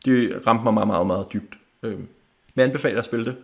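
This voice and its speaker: Young man, gravelly voice, casual stream host, brisk one-line opinions, frequent chuckles. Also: lowish voice. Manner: quick offhand verdicts with frequent chuckles. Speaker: gaming channel host. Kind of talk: casual livestream chat.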